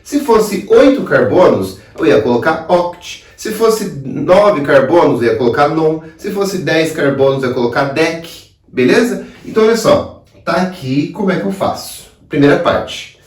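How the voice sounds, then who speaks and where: Man, Brazilian Portuguese accent, chemistry teacher, animated pitch, roomy echo, somewhat off-mic. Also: measured pace. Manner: lively, asks himself questions and answers them. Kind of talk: video lesson explaining at a board. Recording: roomy sound, voice a bit far from the mic.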